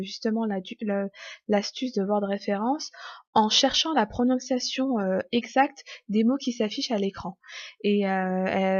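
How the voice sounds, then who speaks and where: A woman gives an online English lesson, walking through each step with frequent fillers and restarts. Her voice sits a little high. It is recorded close and dry, with a slightly dull, muffled sound. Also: a little mellow, dry recording. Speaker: English teacher.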